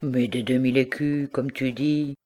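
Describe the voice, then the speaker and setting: A man's voice: medium pitch, little pitch movement, normal speed, mellow, close to an everyday voice. A man voicing a middle-aged peasant wife who scolds her husband in rustic dialect. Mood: chiding.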